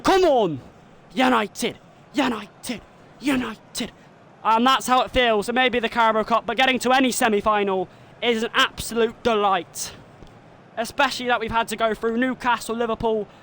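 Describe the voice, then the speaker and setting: A man streaming a football video game live, calling the action like a commentator and shouting at the big moments. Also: sits high, slight background noise. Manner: mimics a football commentator and a team manager.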